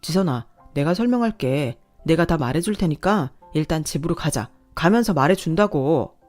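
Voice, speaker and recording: Woman voicing a nervous husband, deflecting chatter, low tone, mellow voice. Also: animated, moderate pace, faint music behind. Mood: urgent. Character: flustered evasive young husband. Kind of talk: scripted story reading.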